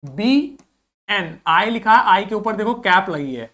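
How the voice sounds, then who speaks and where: A young man teaching a video lesson to school students in a friendly way, drilling pronunciation slowly and repeating each word several times. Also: high voice, lively intonation, a bit bright. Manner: friendly, addresses students as children.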